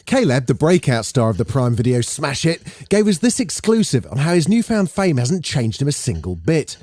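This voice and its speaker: Lively male news podcast host. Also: medium pitch, normal speed, dry recording. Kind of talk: scripted news narration.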